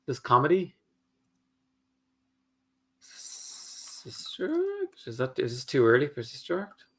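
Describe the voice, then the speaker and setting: A man of middling pitch chats on a livestream, often half talking to himself. His asides come out dry and exasperated. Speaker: co-host of a writing livestream. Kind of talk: casual livestream chat.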